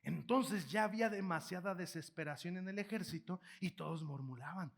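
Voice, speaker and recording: A man with a Mexican accent giving a keynote talk, retelling a story in an animated, slangy, joking way. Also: sits high, moderate pace, vocal fry. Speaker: keynote speaker.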